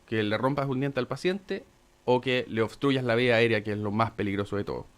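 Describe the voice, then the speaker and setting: Middle-aged male doctor, radio guest, methodical and calm, ordinary-pitched voice. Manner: calm, methodical explainer with filler pauses. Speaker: physician guest. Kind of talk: explanatory radio talk.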